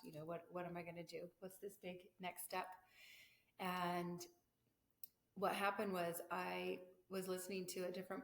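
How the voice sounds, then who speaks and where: A woman hosting a solo podcast, talking candidly and reflectively with pauses, recorded in an echoey living room with a tinny sound. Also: fairly low pitch. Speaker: podcast host. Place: living room with a vaulted ceiling.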